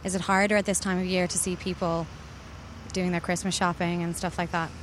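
A woman's voice: fairly low pitch, level tone, brisk, a little hiss or hum. An Irish woman interviewing someone outdoors on a street, asking probing questions.

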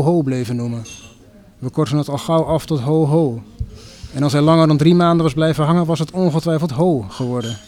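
A man narrating a first-person literary story in a measured, deliberate way. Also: medium pitch. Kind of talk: literary reading.

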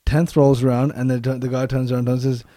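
A man with a mellow, relaxed voice talks through his thoughts in a casual discussion. He often repeats a phrase to stress it, and the recording is close and dry. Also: mid-range voice, a little fast, dry recording.

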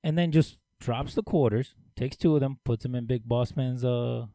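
A man co-hosts a casual podcast, his voice mellow and on the dark side. He jokes and cuts in animatedly on his partner. The sound is dry, with no room echo. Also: mid-range voice, normal speed. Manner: animated, joking, talks over his partner. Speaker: podcast co-host. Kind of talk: casual wrestling chat.

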